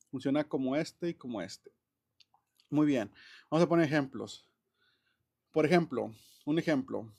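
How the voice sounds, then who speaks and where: With a slightly high, warm voice, a man gives a chatty, casual classroom explanation of English grammar. He laughs often and fills his talk with fillers and restarts.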